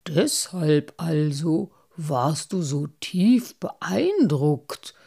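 A woman doing a calm, low-voiced gnome man. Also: creaky, breathy edge, heavily acted. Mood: measured. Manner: low, slow, quiet. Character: calm, thoughtful male gnome, dry and measured.

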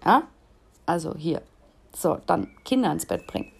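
A woman's voice: sits low, wildly swooping pitch, normal speed, vocal fry, slight background noise. A woman in her thirties hosting a podcast, delivering a blunt, crude, comedic rant in an exasperated tone. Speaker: podcast host.

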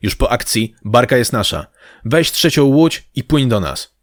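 A man plays a tough female ship captain in an audiobook, brisk and commanding. She sounds tired and blunt. The recording is dry and close. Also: mid-range voice, big pitch swings, dry recording.

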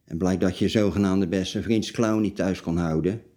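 Low-voiced, halting man in his forties. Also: steady tone, warm tone. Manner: halting, blunt, plain-spoken. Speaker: interview guest telling his life story. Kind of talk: personal interview.

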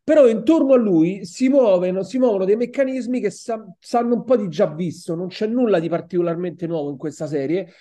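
Speaking fast and expressively with almost no pauses, this Italian-accented man has a high, warm voice. He co-hosts a podcast, casually reviewing a TV series and frequently repeating words as he searches for what to say next.

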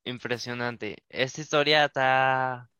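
A man's voice: mid-range voice, steady tone, measured pace, bright, forceful tone, clear, resonant tone, dry recording, dull audio. A man hosting a podcast, asking questions and adding short encouraging remarks. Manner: brief encouraging interjections. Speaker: podcast host. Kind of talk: casual interview chat.

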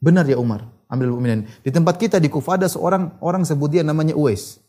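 A man with a fairly high voice gives a religious lesson as a story. He reads narrations in Arabic, then explains them casually, acting out what each character says. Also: fast talker, mellow. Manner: acts out the quoted characters' lines. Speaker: religious teacher.

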